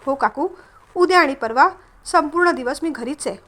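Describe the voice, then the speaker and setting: A woman's voice: sits high, animated, normal speed, a bit bright. A woman reading a polite, sensible young woman.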